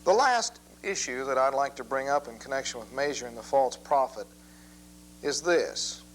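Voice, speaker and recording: A man teaching a Bible lesson in a measured, methodical way, reading scripture passages aloud. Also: a little high, a bit bright, a little hiss or hum, rough recording.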